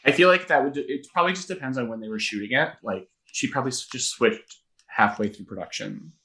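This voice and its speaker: A man's voice: mid-range voice, a little fast, sharp tone, poor audio. A man chatting casually on a podcast about films, enthusiastic with wry asides. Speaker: podcast host. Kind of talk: casual film discussion chat.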